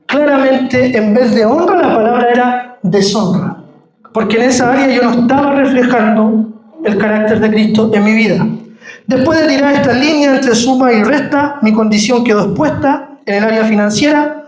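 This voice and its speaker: A man's voice: extremely high pitch, normal speed. A man giving a sermon testimony, telling a story and calling the listeners brother. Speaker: preacher. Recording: roomy echo.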